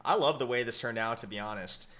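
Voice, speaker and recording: Bright-voiced young man talking football. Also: medium pitch, fast talker. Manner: rambling, self-correcting, lots of fillers. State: hiccups. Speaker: sports YouTuber. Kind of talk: casual mock draft commentary.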